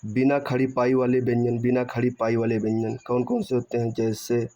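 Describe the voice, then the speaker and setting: In his online Hindi grammar lesson, a man speaks at normal speed with a mid-range, dark voice and a completely flat delivery. He repeats points, answers his own questions, checks in with "theek hai," and drags syllables out when spelling sounds, and the lo-fi audio is dull and muffled.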